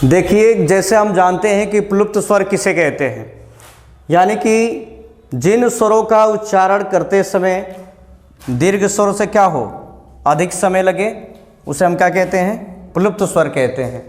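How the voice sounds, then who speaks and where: A male coaching teacher with a Hindi accent from Uttar Pradesh giving a grammar lesson. He asks questions and answers them himself, slowly repeating each point. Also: high-pitched, long reverb tail.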